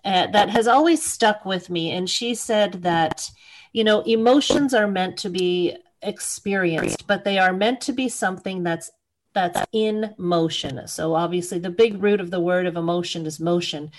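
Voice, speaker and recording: A woman's voice: lowish voice, normal speed, low-quality recording. A woman hosting a radio talk show, asking her guest questions in thoughtful, searching phrases. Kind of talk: radio interview.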